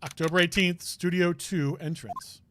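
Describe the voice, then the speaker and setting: A man's voice: high voice, steady tone, moderate pace. A man casually reading a courtroom game aloud, chatting and thinking aloud as he plays. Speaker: game reader. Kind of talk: casual let's-play reading. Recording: noisy background.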